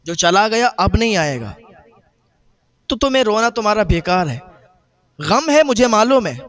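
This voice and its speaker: A man's voice: sits high, a bit bright. A man delivering a sermon, telling a moral story in an emotional, rhetorical preaching manner.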